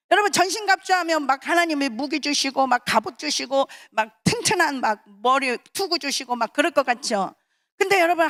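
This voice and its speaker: A woman's voice: high voice, fairly bright tone. A woman pastor preaching a sermon, emphatic and conversational, asking the congregation questions and acting out short quoted voices. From South Korea.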